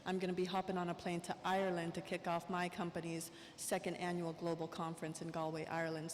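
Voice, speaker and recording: A woman with a southern Lao accent, her first language Lao, gives a conference keynote in a fairly low voice. She talks in a warm, chatty, self-deprecating way into a handheld mic. Her voice carries a long echo through a big convention hall, over a faint murmur of room noise. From Laos. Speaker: keynote speaker. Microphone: handheld microphone.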